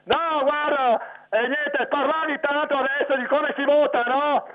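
A woman phones a radio show with a Veneto accent. She speaks slowly in a very high voice, repeating herself emphatically and haltingly. The line is tinny, with crowd murmur behind her. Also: steady tone. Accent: northern Italian, Veneto. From Veneto, Italy. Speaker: phone-in listener. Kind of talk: spontaneous phone-in opinion.

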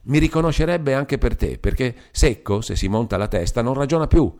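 A man's voice: brisk, lightly acted. A man reading an audiobook, voicing a bold, fiery young wife in a raised, scornful tone. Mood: feisty. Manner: lively, scornful, raised pitch. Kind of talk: audiobook character voice.

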